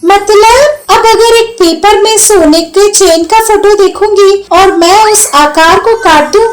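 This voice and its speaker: A woman voicing a greedy, childish young wife who whines and pleads in a high voice for a cartoon story. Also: a little slow, faint music behind. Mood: eager. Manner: pleading, high-pitched wailing.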